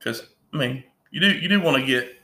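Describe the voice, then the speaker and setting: A man's voice: medium pitch, lively intonation, sharp tone. A man co-hosting a casual podcast, joking and telling stories with a laugh. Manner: joking, drawn-out storytelling with frequent laughs. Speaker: podcast co-host. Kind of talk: casual chat. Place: home, at his own home bar.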